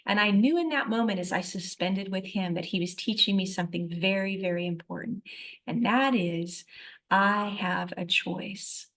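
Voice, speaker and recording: Woman minister, mid-pitch, conversational testimony, earnest and reflective, loose with fillers. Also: moderate pace. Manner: storytelling with frequent "you know" and "uh" fillers; earnest and reflective, with sudden rises in loudness.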